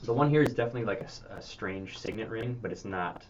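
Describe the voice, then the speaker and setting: A man's voice: lowish voice, fast talker. A man running a tabletop game as game master, rambling and hesitant, often laughing. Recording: muffled stream audio with noise.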